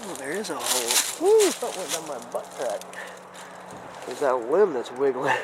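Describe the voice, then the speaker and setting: Folksy guy thinking out loud on a hike in the woods, slow casual vlog, lots of outdoor noise behind him. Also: mid-range voice, sing-song. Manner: folksy, unhurried, thinking aloud. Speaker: outdoor explorer vlogger. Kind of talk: casual rambling vlog narration while exploring. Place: outdoors in the woods on a rocky hillside. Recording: clear outdoor background noise.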